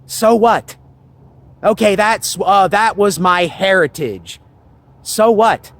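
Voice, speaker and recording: Slow, high-voiced man preaching earnestly. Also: animated, a bit bright, no room sound. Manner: earnest and preachy, repeats himself. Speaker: channel host. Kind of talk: casual monologue to camera.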